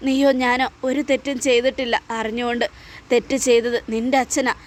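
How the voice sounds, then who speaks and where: A woman's voice: on the high side, little pitch movement, brisk, natural voice. A woman voicing a grieving middle-aged mother who tearfully confesses a painful secret and apologizes. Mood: confessing.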